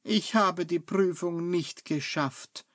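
A man's voice: high-pitched, slow, a bit bright, no echo, clean studio sound, voice pushed up. Man doing a nervous young wizard apprentice. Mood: worried. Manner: anxious, stammering under pressure. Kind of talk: children's storybook reading.

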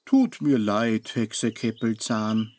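A man's voice: fairly low pitch, slow pace, darkish tone, no echo. A man voicing a timid, anxious young wizard apprentice in a children's storybook reading. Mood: apologetic. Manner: anxious, stammering under pressure.

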